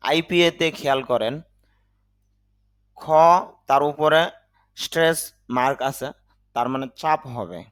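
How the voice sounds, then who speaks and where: Guy doing an english vocab lesson, slow and careful, spells out each sound, dry close mic. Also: medium pitch, fairly bright tone, no room sound. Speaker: English teacher.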